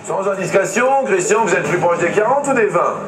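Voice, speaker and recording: A man hosting a TV quiz, playful and lively, giving clues to contestants in an echoey studio. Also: sits high, brisk, over music. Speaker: quiz show host.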